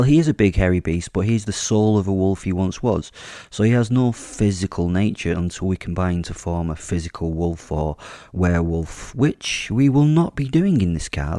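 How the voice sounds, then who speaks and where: In a low, warm voice with clean, echo-free studio sound, a man hosts his podcast and tells a first-person horror story. His delivery is offhand and chatty, with casual swearing and dark jokes.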